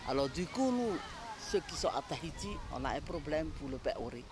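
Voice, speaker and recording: A woman weaver talks slowly and haltingly to a reporter at an outdoor market. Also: low-pitched, sing-song. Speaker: weaver artisan. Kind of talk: street interview.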